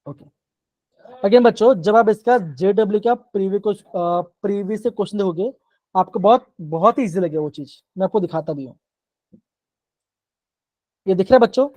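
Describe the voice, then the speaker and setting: A man's voice: sits high, moderate pace, long pauses, darkish tone, no room sound, muffled recording. A man teaching chemistry in a live online class, explaining step by step, repeating himself and often checking that the students follow. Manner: coaxing, keeps checking in with the class.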